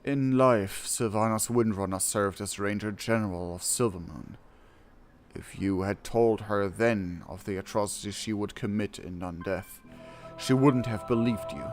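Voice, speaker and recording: A man with a lowish voice streams a game, reading quest text aloud and reacting casually over game music. His commentary veers between excitable exclamations and hesitant self-corrections.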